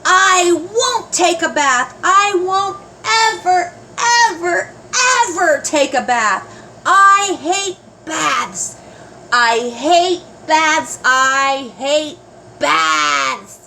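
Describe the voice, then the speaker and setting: Older woman as a stubborn storybook little girl, grandmotherly read-aloud, high and yelling, drawn-out defiant words. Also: lively intonation, creaky, a little hiss or hum, exaggerated voice.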